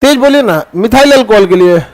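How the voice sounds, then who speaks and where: A middle-aged man lectures a chemistry class. His voice sits very high, and he keeps slipping into joking little scenes between the formulas. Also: lively intonation, fast, a little mellow. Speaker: chemistry teacher.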